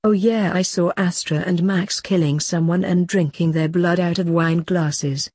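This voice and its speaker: A woman's voice: on the low side, fairly even intonation, a little slow, darkish tone, husky, dry recording. A woman reading as a blunt, sarcastic teenage girl.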